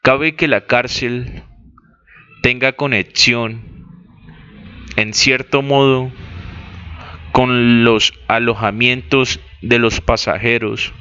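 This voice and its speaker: Slow, deliberate man dictating. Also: mid-range voice, fairly even intonation, sharp tone, clean tone. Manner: deliberate, spells out words and corrects himself. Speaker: reader dictating text. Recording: dull lo-fi recording.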